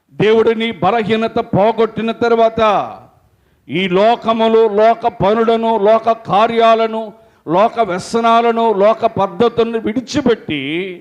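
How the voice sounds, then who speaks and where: A male pastor in middle age preaching with a high voice at an unhurried pace. He stresses his words with care and lets the ends of his lines drop low and quiet. He calls his listeners children of God. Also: muffled recording. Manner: slow, emphatic preaching, trailing off to a low voice at line ends. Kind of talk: sermon.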